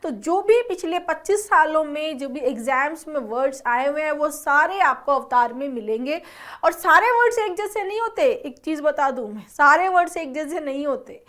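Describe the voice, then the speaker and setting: High-voiced woman teaching vocabulary. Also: lively intonation, normal speed, a bit bright. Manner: explains and quizzes students with repeated check-ins; mixes English words into her talk. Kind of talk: online exam-prep vocabulary lesson.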